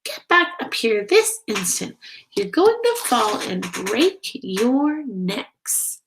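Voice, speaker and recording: A woman's voice: on the high side, sing-song, takes it slowly, noisy background, full character voice. A woman voicing a strict, bossy mother bird in a storybook, scolding and stern.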